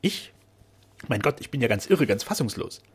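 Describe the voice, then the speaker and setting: A man's voice: mid-range voice, very animated, moderate pace, husky. A man voicing an earnest young nobleman in a storybook reading, speaking in an anguished, heartfelt manner. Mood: astonished.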